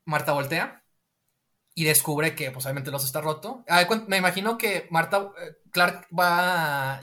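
A man casually pitching a film scene in a rambling way, tagging his lines with a question. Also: bright, forceful tone.

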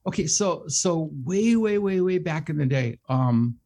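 A middle-aged man who hosts a radio show, talking as a guest in a casual interview, animated and self-deprecating, laughing often. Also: fairly high pitch, a little slow. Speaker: radio show host and behavioral health manager, guest.

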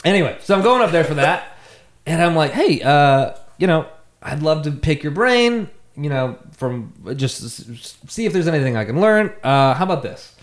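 A man's voice: on the high side, normal speed, echoey room. A man telling a long embarrassing story among friends, swearing, laughing at himself and acting out what he said. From United States. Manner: animated, swearing, laughing at himself, acts out his own quotes. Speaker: podcast host telling a story.

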